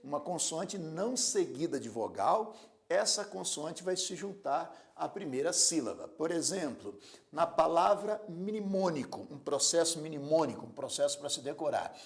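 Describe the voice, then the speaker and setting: Male grammar teacher, lively pitch, gravelly tone, deliberate classroom delivery. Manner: slow, deliberate, repeats words syllable by syllable; asks rhetorical questions to the learner. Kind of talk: classroom lecture.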